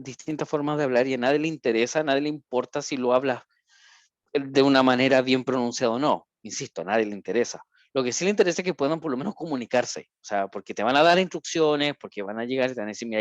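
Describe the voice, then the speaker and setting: A man's voice: mid-range voice, no echo. A man, a psychologist and caregiver, answering a seminar question in a conversational, explanatory way with frequent fillers. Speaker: invited speaker, psychologist and caregiver. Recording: dull, dry video-call audio.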